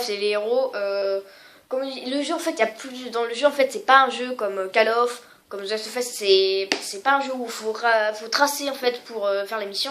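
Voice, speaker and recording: Jeune femme bavarde, voix assez aiguë. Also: female voice, fairly high pitch, fairly bright tone. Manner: rambling, many fillers and self-mocking asides. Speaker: gaming vlogger. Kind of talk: casual video game showcase.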